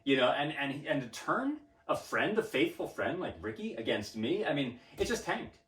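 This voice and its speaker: A man's voice: fairly high pitch, sing-song, normal speed, a bit bright. A man giving a pompous, self-important rant in a mock-serious interview, stammering through his restarts. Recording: roomy sound from a distant mic.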